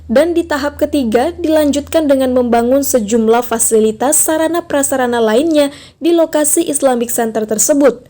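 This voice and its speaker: A woman narrating a scripted news report in a formal, steady way. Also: sits high, normal speed.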